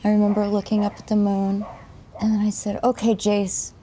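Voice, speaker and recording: A woman's voice: mid-range voice, monotone, a little fast, dark tone, a little hiss or hum. A middle-aged woman recalling events in an interview, earnest, blunt and emphatic. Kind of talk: interview recollection.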